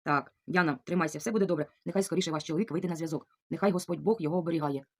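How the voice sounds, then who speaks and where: Fast-talking chatty middle-aged woman. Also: low-pitched. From Ukraine. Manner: warm, chatty, repeats thanks over and over. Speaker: vlogger answering viewer comments. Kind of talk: casual chat.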